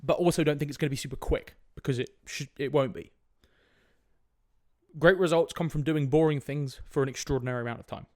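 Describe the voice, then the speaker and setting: A young man with a cold hosts a fitness coaching podcast solo, talking casually in a fairly high, brisk, slightly mellow voice that sounds sniffly. He's direct and casual, swears, and keeps tossing in "right?" asides. The recording is close and dry, with no room sound.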